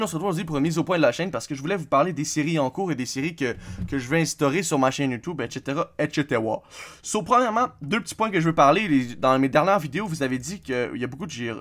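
Speaking with a Québécois French accent, a man who runs a gaming YouTube channel rambles through a casual update for his viewers, restarting often and using lots of fillers. His voice is fairly high and fairly bright.

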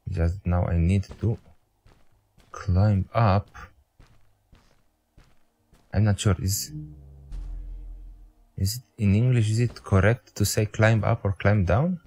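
Pausing often and taking his time, a young man with Romanian as his first language comments casually on a game. His lowish voice is steady and somewhat dark. He jokes about his own smarts, reasons out loud, and implores the game directly.

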